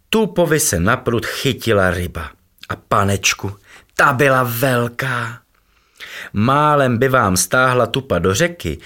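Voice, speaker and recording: A man with a low voice tells a bedtime story to children, expressive and playful. His pitch rises and falls a great deal as he reads.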